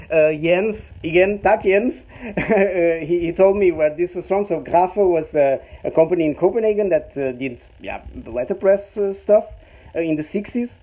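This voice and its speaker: A man from Portugal, in his 30s, shows off his small home print workshop machine room on a casual live stream. His voice is a little high and warm, and his English comes out hesitant, with frequent fillers, restarts, pauses, and chuckles.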